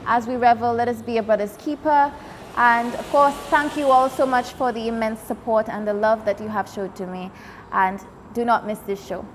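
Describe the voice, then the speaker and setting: A woman's voice: on the high side, fairly even intonation, normal speed. A woman pageant contestant giving a spoken invitation to viewers. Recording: reverberant room, faint background noise.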